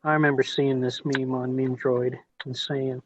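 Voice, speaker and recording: A man's voice: mid-range voice, flat delivery, normal speed, slight background noise. Man with hillbilly twang, lo-fi sound. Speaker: podcast co-host. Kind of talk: casual chat. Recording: dull, lo-fi voice line.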